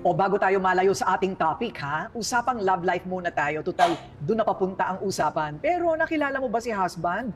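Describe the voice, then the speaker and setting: A woman's voice: medium pitch, fairly quick, few pauses. A woman hosts a television interview, her voice rising and falling freely as she teases her guest with questions. Faint music plays underneath. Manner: lively, teasing questions. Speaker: interview host.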